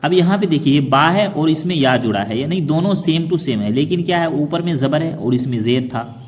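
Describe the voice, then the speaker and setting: Man teaching slowly, echoing reverb. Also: on the high side, lively intonation. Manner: asks questions and then answers them himself, slowing down to spell out syllables. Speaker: Quran reading teacher. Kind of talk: explaining a lesson to children.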